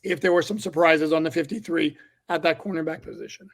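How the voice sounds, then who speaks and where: Male reporter guest, slightly high flat voice, blunt and candid. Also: fairly quick. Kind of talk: casual sports talk.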